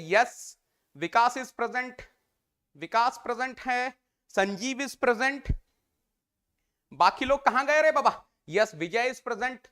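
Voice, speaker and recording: Calling his students "beta," this Indian English-accented teacher leads a live online exam-prep session in Hindi and English, repeating every phrase and urging them to respond. His voice is very high, sharp, and clean.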